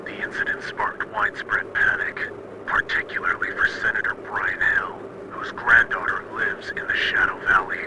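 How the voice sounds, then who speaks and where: A man's voice: on the low side, wildly swooping pitch, moderate pace. A man playing a stern military commander who gives clipped, formal orders over a crackling walkie-talkie radio. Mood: commanding. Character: stern male military commander briefing a soldier. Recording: heavy radio static.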